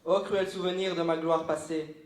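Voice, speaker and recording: A man's voice: a little high, little pitch movement, moderate pace, close to an everyday voice. A man playing his girlfriend's mother's young helper, dutifully reading classical verse aloud in a live comedy sketch. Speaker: comic stage character. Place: large echoey hall. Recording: roomy live hall sound.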